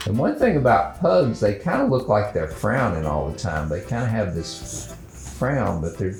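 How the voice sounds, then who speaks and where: Gentle and unhurried, this children's drawing show host halts as he thinks aloud through a relaxed lesson. His voice is on the low side with vocal fry, in an echoey room.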